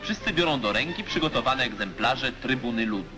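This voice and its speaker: A man's voice: medium pitch, expressive, fairly quick. A man giving formal, declamatory narration for an old 1950s newsreel. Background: music.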